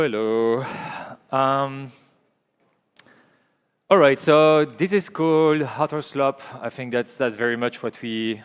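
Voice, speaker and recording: A man's voice: medium pitch, a bit bright, clear, resonant tone. Belgian-accented man in a big hall. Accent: French-speaking Belgian. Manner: hesitant, conversational, many fillers and restarts. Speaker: conference speaker. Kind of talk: conference talk. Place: large conference hall.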